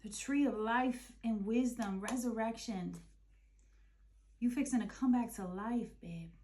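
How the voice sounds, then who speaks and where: A woman's voice: fairly high pitch, a little slow, warm tone. A woman giving a casual spiritual tarot reading, emotional and openly swearing, calling her listeners babe and boo. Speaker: tarot reader.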